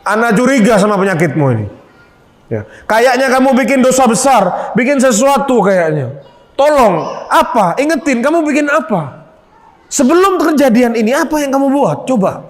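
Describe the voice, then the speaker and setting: A man's voice: extremely high pitch, sing-song, moderate pace, pitched above the performer's own voice. A man voicing a suspicious male healer in a sermon story, questioning insistently. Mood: probing.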